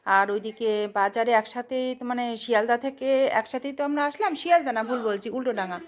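Mom vlogger chatting away at home, bit high voice, rambly, fixes her own mistakes. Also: a little fast. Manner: chatty, rambling, self-correcting. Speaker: vlogger, mother. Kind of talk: casual vlog narration. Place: family home.

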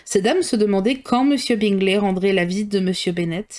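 A woman reading a classic novel aloud on a live stream in steady, clear narration. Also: medium pitch, fairly quick.

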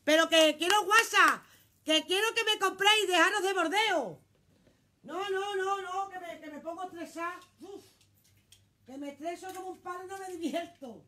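A woman's voice: very high-pitched, normal speed, bright, forceful tone, a little hiss or hum. A middle-aged woman with a Spanish accent, selling clothes on a casual live stream from her shop. She chats in an exclamatory way, reads out viewer comments and swears casually. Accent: Spanish from Spain.

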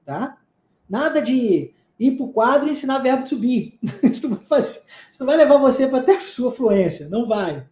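A man's voice: extremely high pitch, big pitch swings, normal speed, darkish tone. A man with a Brazilian Portuguese accent, teaching an English lesson. He explains points emphatically, repeats them, and keeps checking in with short tag questions. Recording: roomy echo.

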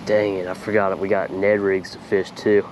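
Low-pitched man, casual creaky fishing vlogger. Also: level tone, normal speed, noisy background. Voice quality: slightly creaky voice. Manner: laid-back, slangy, talking to viewers. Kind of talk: casual chat while fishing. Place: outdoors by a small pond.

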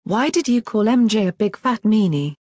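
A synthetic female voice playing a stern, scolding schoolteacher in an animated video. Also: medium pitch, moderate pace, no echo, lightly acted. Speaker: teacher.

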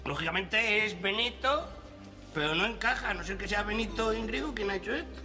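A middle-aged man with a Spanish accent in a sitcom, pompous and indignant, quick to raise his voice. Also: high voice, over music. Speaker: sitcom character, grown son. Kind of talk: sitcom acting.

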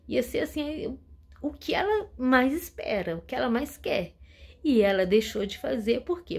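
Husky woman vlogging. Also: a little high. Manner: warm addresses to the audience, repeats words for emphasis. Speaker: channel host. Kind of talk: casual inspirational talk to viewers.

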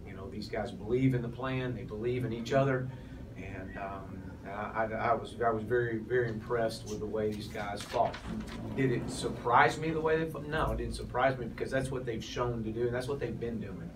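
A head football coach in his forties answers questions at a postgame press conference, restarting often and using many fillers. His mid-range voice runs at normal speed. He stands in a press room before a sponsor backdrop, heard from off a cluster of press mics on a table, so he sounds distant in a noisy room.

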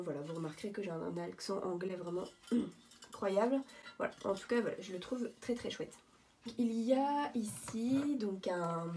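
Mellow-voiced woman chatting casually. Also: mid-range voice, a little hiss or hum. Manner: chatty, hesitant with many fillers and restarts. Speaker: vlogger showing thrift finds. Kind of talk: casual show-and-tell vlog. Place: at home, indoors.

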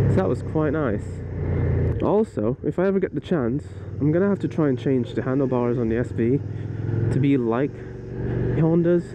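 A young man rambles casually as he rides, thinking aloud in an easy, chatty way. His voice sits at an ordinary middle pitch. It comes through a small earphone mic inside his helmet, buried under loud wind and engine noise from the road. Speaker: motorcycle vlogger. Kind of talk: casual talk while riding. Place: riding a motorbike on town roads at night. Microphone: wired earphone mic inside a helmet.

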